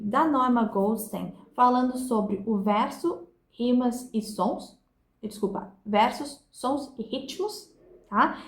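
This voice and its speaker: Brazilian woman teaching, echoey room. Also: a little high. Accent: Brazilian Portuguese. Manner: didactic, slows down to read and split verses syllable by syllable. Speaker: literature teacher. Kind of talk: recorded class review lesson.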